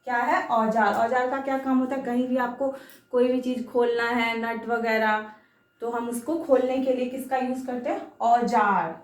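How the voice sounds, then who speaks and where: A woman's voice: on the high side, steady tone, normal speed, echoey room, recorded from a distance. A woman teaching a children's lesson on Hindi vowel signs, patient, stretching syllables out and asking frequent questions.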